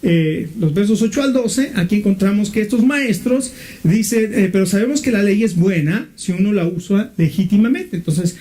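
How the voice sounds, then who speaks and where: A middle-aged man from Mexico preaching a sermon as pastor, often asking his listeners questions and filling pauses with "este". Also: high-pitched, warm tone. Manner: asks the listeners questions, uses fillers like "este".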